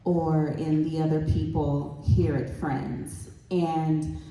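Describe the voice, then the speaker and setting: Slow, mellow-voiced woman on a panel. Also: low-pitched, level tone. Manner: earnest, heartfelt and reflective. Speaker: panelist, parent of a child who stutters. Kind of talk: panel discussion talk. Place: convention hall stage. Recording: echoey hall, voice far from mic.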